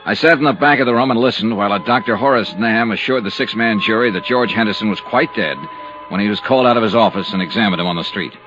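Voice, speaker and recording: A man with a lowish voice talks fast, in a near-everyday way, as an actor playing a wry insurance investigator narrating a case in a 1950s radio drama. His mood is dry, and the dull old radio recording includes music.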